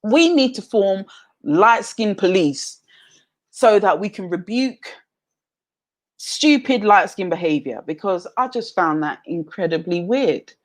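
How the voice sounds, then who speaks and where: A woman's voice: mid-range voice, animated, takes it slowly. A young adult woman from England chatting casually on a livestream, reading out viewer comments and rambling with many fillers and restarts. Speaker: livestream host.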